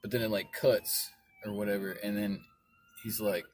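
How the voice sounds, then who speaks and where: A man's voice: on the low side, level tone, normal speed. A man casually and loosely retelling a story idea he is working on, filling his talk with "you know what I mean". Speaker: writer pitching a story idea. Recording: loud vehicle noise behind the voice.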